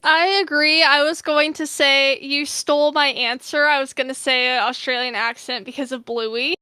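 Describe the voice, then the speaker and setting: A woman's voice: high-pitched, fairly even intonation, moderate pace, bright, forceful tone, dry recording. A young woman with a slight Southern US accent co-hosting a casual podcast, chatty and laughing easily. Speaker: podcast co-host.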